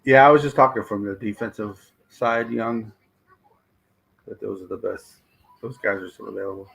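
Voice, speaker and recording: A man hosting a live stream, hoarse and losing his voice, reacting to draft picks and answering his chat in casual commentary. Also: fairly low pitch, steady tone, moderate pace, fairly bright tone, poor audio. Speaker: livestream host.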